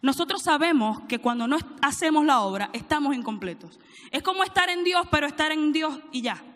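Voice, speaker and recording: A woman's voice: high voice, lively intonation, brisk, fairly bright tone, in a large hall. A woman preaching a sermon, reading scripture aloud and prompting the congregation to call back answers. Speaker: preacher, church teaching director.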